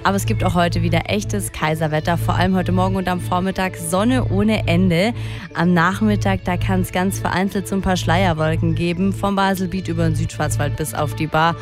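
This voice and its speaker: A woman presenting the weather on a morning radio show, lively and chatty. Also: fairly low pitch, normal speed, music in the background.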